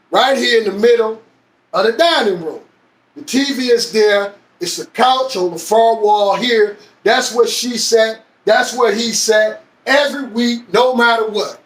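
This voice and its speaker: Guy with a really high voice telling his story slow, echoey room, mic kinda far off. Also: fairly bright tone. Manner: slow, deliberate telling with drawn-out pauses. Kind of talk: personal storytelling.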